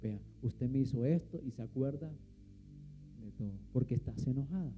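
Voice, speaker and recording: A man's voice: mid-range voice, normal speed, warm tone, lo-fi sound, faint music behind. A man preaching a sermon, asking the congregation questions and answering them himself. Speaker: pastor.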